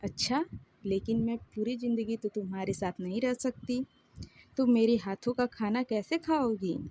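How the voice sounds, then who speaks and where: A woman voicing Meena, a loving mother who speaks tenderly and scolds gently. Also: on the high side, normal speed, breathy edge, poor audio. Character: loving, worried mother, middle-aged.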